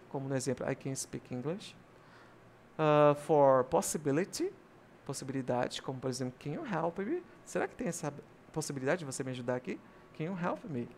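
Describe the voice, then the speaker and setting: A male English teacher giving a video lesson over slides, slowing down to stress each English example sentence. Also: a little high, slight background noise.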